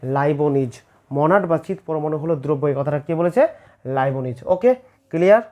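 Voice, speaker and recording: A man's voice: on the high side, moderate pace, dark tone. A man teaching an exam-prep class, with a Bengali accent, who keeps asking questions and answering them himself.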